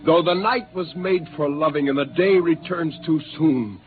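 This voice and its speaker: A man's voice: on the high side, moderate pace, phone-quality sound, close to an everyday voice. An actor playing an intense, idealistic and bitter spaceman in an old radio drama, speaking earnestly and solemnly. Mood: solemn, mournful. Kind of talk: 1950s radio drama acting. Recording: noisy band-limited old radio recording.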